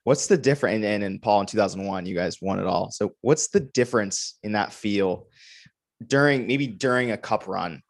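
Brief: a podcast host, a man with a lowish voice, asking long questions and restarting them as he goes. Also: moderate pace, creaky. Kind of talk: interview questions.

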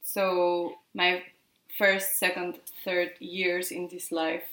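A Peruvian woman in her twenties, whose first language is Spanish, chats casually as a podcast guest, often using "like" and ending sentences with "no?". Her voice is lowish, a bit bright, and fairly flat in pitch, and she speaks slowly in a reverberant space.

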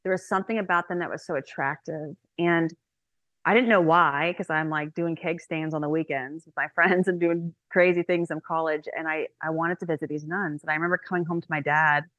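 Woman, 30s, low voice, dry close recording; chatty podcast testimony full of "like" and "um". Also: fairly quick, dry recording, muffled recording. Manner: chatty and animated, with many "like"s and "um"s. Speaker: guest speaker.

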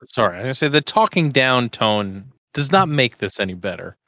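Blunt low-voiced man, dry mic. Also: sing-song, brisk, sharp tone, dry recording. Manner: blunt, swearing. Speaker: podcast co-host. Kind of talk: casual podcast chat.

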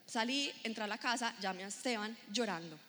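Animated woman telling stories in a reverberant hall. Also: on the high side, fairly quick, a little hiss or hum. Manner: animated storytelling, acting out quoted dialogue. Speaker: motivational speaker and entrepreneur. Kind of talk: motivational storytelling talk. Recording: reverberant hall, faint ambience.

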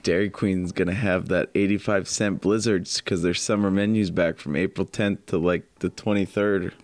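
A man's voice: deep voice, fairly even intonation, normal speed, no echo, soft background music. A man co-hosting a podcast, chatting casually in an easygoing, agreeable way. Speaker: podcast co-host. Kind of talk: casual chat.

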